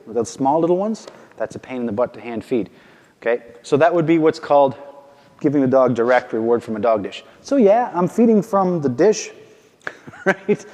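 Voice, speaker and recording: A man's voice: medium pitch, darkish tone, big-room sound. A male dog trainer giving a casual instructional demonstration, often checking in with "okay?" and "right?", and calling out firm short commands to his dog.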